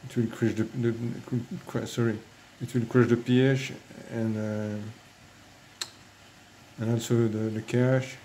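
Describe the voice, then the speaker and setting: A man with a French accent speaks slowly and hesitantly, often stopping to restart a phrase. His voice is mellow and his pitch stays flat, with faint ambient noise behind him. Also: low-quality recording. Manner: hesitant, many fillers and restarts. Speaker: fish breeder. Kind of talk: casual hobby vlog.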